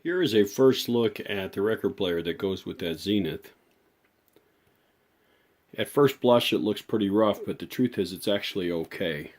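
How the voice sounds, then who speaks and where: The speaker is a radio repairer presenting a restoration video, giving a hands-on walkthrough in a loose, folksy, rambling way. He has a low voice with a dark tone.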